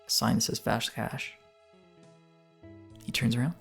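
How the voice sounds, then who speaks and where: A man's voice: medium pitch, steady tone, unhurried, gravelly, fairly bright tone, husky, faint music behind. A man narrating a game playthrough, reading on-screen text and dialogue choices aloud. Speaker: let's play narrator. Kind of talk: let's play commentary.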